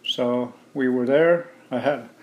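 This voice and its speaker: A middle-aged man from Alaska, a native Yupik speaker, answering interview questions in a plain, measured way. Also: medium pitch, a little mellow, a little hiss or hum. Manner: slow, plain-spoken, measured. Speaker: interview guest. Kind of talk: relaxed conversational interview.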